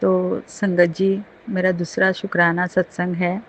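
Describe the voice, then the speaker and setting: A woman's voice: fairly low pitch, little pitch movement, measured pace, a little hiss or hum. Earnest middle-aged woman giving devotional testimony. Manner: earnest, emotional retelling with many restarts and fillers.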